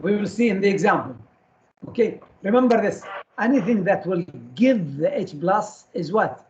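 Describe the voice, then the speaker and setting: A man's voice: high voice, lively intonation, normal speed, lo-fi sound, slight background noise. A man lecturing a class on chemistry, firing short questions at students and repeating key terms so they stick.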